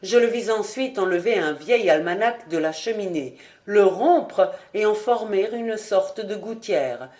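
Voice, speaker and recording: A woman narrating a literary audiobook in a measured, clear reading voice. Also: mid-range voice, expressive, a little mellow. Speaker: audiobook reader.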